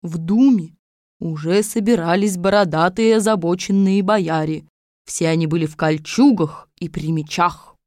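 A woman narrating a fairy tale audiobook in a calm, even storytelling manner. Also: fairly low pitch, normal speed, no echo, clean studio sound.

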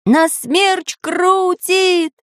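Bold handyman storybook hero, commanding, voiced by a woman; raised pitch, brisk. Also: animated, no room sound, studio quality. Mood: shouting. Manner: commanding shouts.

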